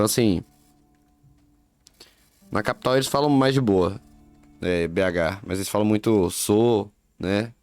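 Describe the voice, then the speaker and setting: A man's voice: lowish voice, a little mellow, no room sound. A man with a Minas Gerais accent, chatting casually and slangily while streaming a game. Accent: Minas Gerais Brazilian Portuguese. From Minas Gerais, Brazil. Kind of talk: casual gameplay commentary. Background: faint game music.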